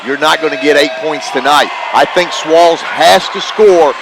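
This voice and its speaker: During a live basketball broadcast, a man delivers emphatic, conversational color commentary at normal speed. His voice is a little high with some vocal fry. The noisy gym broadcast carries a crowd, general gymnasium ambience, and bouncing basketballs.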